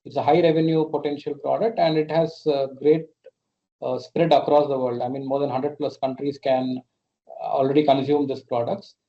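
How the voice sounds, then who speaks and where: A man with an Indian accent speaks as a company executive fielding questions on an earnings call, in a mid-range voice with a level tone at normal speed. He sounds hesitant and often repeats words while explaining. The conference call line makes the audio muffled and band-limited.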